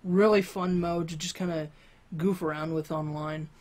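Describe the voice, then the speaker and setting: A man's voice: a little high, fairly even intonation, moderate pace, a little mellow. Rambling man on a casual podcast. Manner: rambling, many fillers and restarts. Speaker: podcast co-host. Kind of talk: casual chat.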